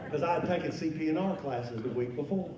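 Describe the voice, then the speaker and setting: Man, middle-aged, animated folksy storyteller, slightly high voice, echoey hall, heard from a distance. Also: quick pace, crowd noise. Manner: animated, folksy, acts out exclamations and sound effects. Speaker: luncheon guest speaker. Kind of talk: comic storytelling to an audience. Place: large event room at a lunch. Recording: echoey hall from far off, room noise.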